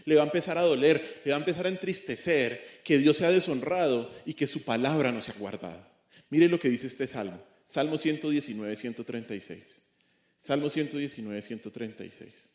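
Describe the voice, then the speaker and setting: A man's voice: mid-range voice, normal speed, darkish tone, reverberant. A man preaching an expository sermon as a pastor, earnest, asking rhetorical questions and repeating his points. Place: church.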